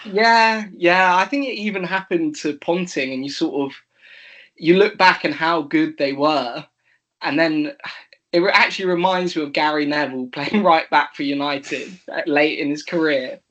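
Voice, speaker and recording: A young man co-hosting a casual sports chat, chatty and quick to laugh, with fillers and restarts. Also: a little high, fairly bright tone, lo-fi sound. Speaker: co-host.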